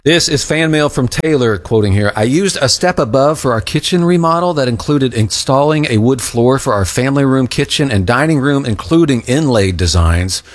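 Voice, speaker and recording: Man, radio host, average pitch, scripted sponsor read. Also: expressive, moderate pace, hardly any pauses.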